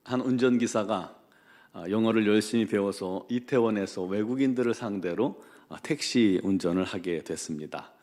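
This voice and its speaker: A male pastor giving an early-morning prayer sermon. He reads scripture in a measured, formal cadence, then tells stories in a calm, conversational way with frequent "uh" pauses. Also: fairly low pitch.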